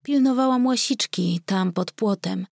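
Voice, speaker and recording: A woman's voice: mid-range voice, a little slow, gravelly, dry recording, clean studio sound. A woman reading the lines of a bashful young village girl in a storybook, speaking timidly and hesitantly. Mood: flustered.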